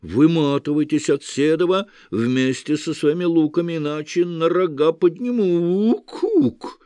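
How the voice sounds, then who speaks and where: Goat devil, male, indignant and bleating, shrill and high, put on by a male reader. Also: normal speed, warm tone, clear, resonant tone, no echo, close to an everyday voice. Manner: shrill and squawking.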